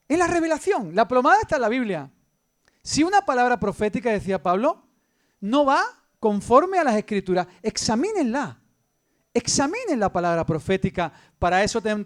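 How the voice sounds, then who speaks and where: A man with an Andalusian Spanish accent preaching a sermon as pastor, moving between loud emphasis and hushed storytelling. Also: high-pitched.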